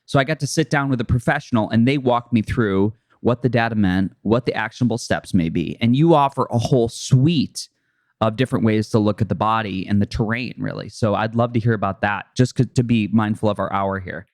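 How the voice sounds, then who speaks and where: A man hosting a podcast, talking in a relaxed, chatty way with lots of fillers. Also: fairly low pitch, a little fast, no echo, studio quality. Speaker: podcast host. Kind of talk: casual interview chat.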